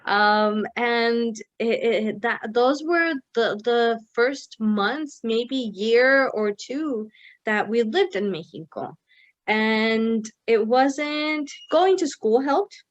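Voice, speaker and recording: A young American woman, a company co-founder, speaks casually as an interview guest in Mexico City, rambling with lots of fillers and restarts and sprinkling in Spanish words. Her voice is fairly high and very slow, with the high frequencies cut off.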